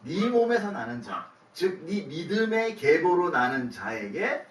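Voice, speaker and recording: At a measured pace and in a voice on the high side, this preacher gives a relaxed, lively sermon, playing out the exchange between God and Abraham. He chuckles and questions his listeners, and the far-off mic picks up the echo of the church worship room.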